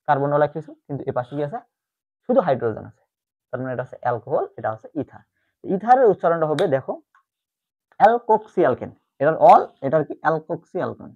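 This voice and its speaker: A man's voice: on the high side, darkish tone. Tinny-sounding male chemistry teacher. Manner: explains step by step, repeats key terms. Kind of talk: online lecture. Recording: tinny phone-like audio.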